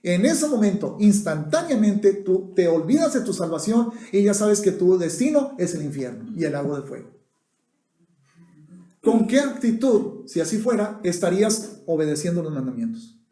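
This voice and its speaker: A man's voice: high-pitched, sing-song, moderate pace, dark tone. A man preaching a sermon, chatting with the congregation and asking them questions. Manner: conversational, asks the audience questions. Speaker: pastor. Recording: roomy echo of a hall.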